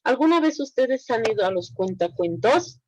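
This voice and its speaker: A woman teaching a language class online, explaining slowly and often checking in with her students. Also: on the high side, animated, a little hiss or hum, low-quality recording. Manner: slow, explanatory, asks students frequent check questions.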